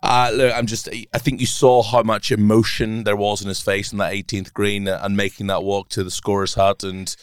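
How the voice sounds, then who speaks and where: A man who is a sports broadcaster, talking as a podcast guest in an animated, enthusiastic way. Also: on the low side, normal speed, hardly any pauses, clear, resonant tone, no room sound, clean studio sound. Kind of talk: casual podcast chat.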